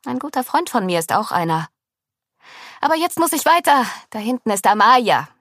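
A cheerful, proud beekeeping woman, voiced by a female storyteller. She talks brightly and lively, lifting her pitch. The recording is dry and close. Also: moderate pace, no room sound, heavily acted.

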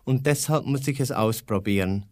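An earnest, stubborn man with nothing else to do, declaring his plans in a firm, mid-pitched voice, as a storyteller reads him. The tone is plain and unforced, like a storybook character. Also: normal speed, a little mellow, dry recording, close to an everyday voice. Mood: determined. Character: idle stubborn man set on walking straight.

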